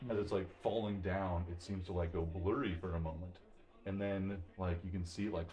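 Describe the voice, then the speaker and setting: A man narrating as game master, relaxed and rambling, with lots of fillers. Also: deep voice.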